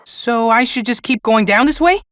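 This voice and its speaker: An actor playing a cheerful, naive boy angel hero in a video game, earnest and excitable. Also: very high-pitched, moderate pace, smooth. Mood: puzzled, earnest.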